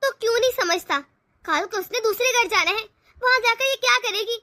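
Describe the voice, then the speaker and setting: A woman's voice: very high voice, brisk, sharp tone. A woman voicing a stubborn older mother-in-law who nags and scolds in a stern way, in a homemade family drama. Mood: scolding. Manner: nagging, stern.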